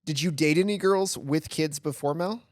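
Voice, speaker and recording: A man's voice: a little high, moderate pace, dry recording, clean studio sound. A man in his thirties hosting a podcast, asking probing questions in a blunt, casual way. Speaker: podcast host.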